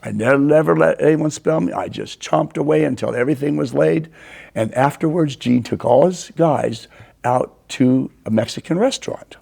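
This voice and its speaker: An older man as a guest, telling animated stories and acting out the quotes. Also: fairly high pitch, normal speed, creaky, breathy edge. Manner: animated storyteller, acts out quotes. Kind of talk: storytelling in a conversation.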